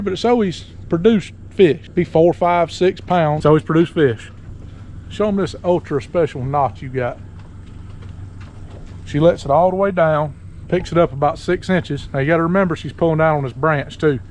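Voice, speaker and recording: A man with a slightly high voice and a rural South Georgia accent talks casually to his viewers. He has the folksy, unhurried, joking manner of a porch sitter spinning stories. There is faint outdoor noise from the boat and river around him. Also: animated, darkish tone. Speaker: host of an outdoor fishing and camping vlog. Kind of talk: casual chat to camera.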